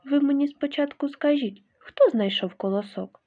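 Lady playing a busy little rooster from a kids' tale, firm and bossy, higher voice, tinny sound. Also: moderate pace. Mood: stern. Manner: firm, scolding. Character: hardworking stern little rooster.

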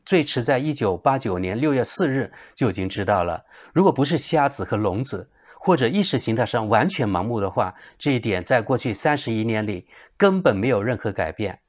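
A man from China reads a translated newspaper editorial aloud to his viewers, breaking in with scornful, indignant asides. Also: mid-range voice. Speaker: video blogger translating press articles.

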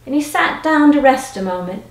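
A woman telling a folktale in an animated, expressive way, now and then slipping into song. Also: high voice, normal speed, soft background music. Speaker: storyteller. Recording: roomy with faint autoharp.

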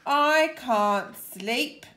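A woman voicing a sleepy, fussy little female ladybird who complains in slow, drawn-out words. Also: sits high, lively intonation, pushed and bright, voice pushed up, full character voice. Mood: complaining.

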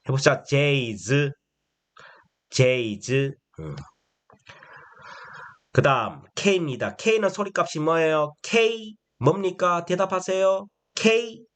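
A man teaching a slow, patient phonics lesson to older adults. He asks the same question over and over in call-and-response style and stresses each sound. His pitch swings widely across his phrases, and his pace stays unhurried throughout. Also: fairly bright tone. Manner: prompts answers with emphatic letter sounds.

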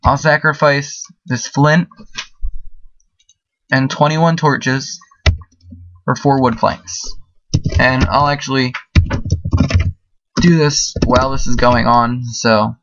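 A man's voice: medium pitch, steady tone, slow pace, long pauses, fairly bright tone, no echo. Man, casual gameplay commentary, chatty and rambling, dry close sound, slightly dull recording. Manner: chatty, rambling, full of fillers. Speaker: gaming video host. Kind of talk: casual let's-play commentary.

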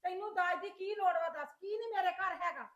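A woman acts out a sharp-tongued mother-in-law with a very high voice, scolding in abrupt bursts. The room around her sounds echoey, like an amateur family drama. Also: a little fast.

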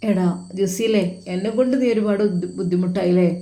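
A woman's voice: mid-range voice, a little fast, mellow, roomy sound, voice pushed down, close to an everyday voice. A woman voicing a young husband who weeps as he talks of his wife. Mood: grateful. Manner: sobbing, pleading. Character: young man, crying, heartbroken husband.

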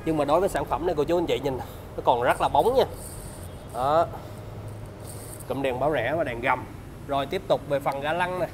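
A man in his thirties with a southern Vietnamese accent, giving a used car salesman's walkaround pitch in polite, repetitive sales patter. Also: brisk, long pauses, a little hiss or hum. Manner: salesman's patter, polite address and repeated selling points. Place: large open car service bay.

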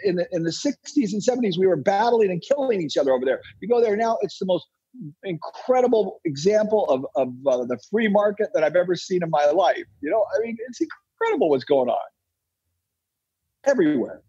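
His voice sits high and sing-song, a little fast, dark-toned and husky, heard through dull audio. He's an American man from the United States, an entrepreneur and author guesting on a podcast, giving insistent, emphatic, opinionated answers and repeating phrases for effect.

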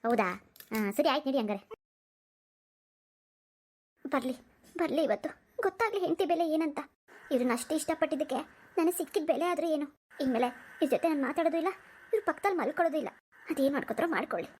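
A woman's voice: high voice, expressive, fast, long pauses, darkish tone, a little hiss or hum. A woman voicing a young cartoon wife who feels hurt and resentful toward her husband, with sulky, wounded complaints. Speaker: cartoon character. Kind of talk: animated drama voice acting.

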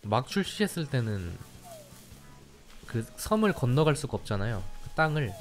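A man chatting casually as a streamer, animated and laughing between thoughts. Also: mid-range voice, moderate pace, soft background music. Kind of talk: casual chat.

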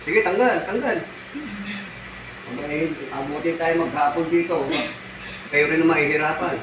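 High-voiced man acting as a folk healer, firm and scolding, repeating commands again and again. He is heard from a distance in an echoey space with loud background noise. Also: normal speed. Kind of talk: ritual healing commands. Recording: echoey, distant, noisy ambience.

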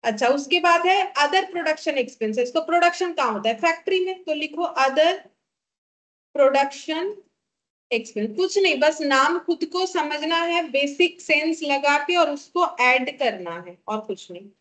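A high-pitched Indian woman teaches a class step by step. She dictates numbers slowly and repeats them, posing questions and then answering them herself. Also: expressive, fairly bright tone. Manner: slow, repetitive dictation of figures, asking and answering her own questions.

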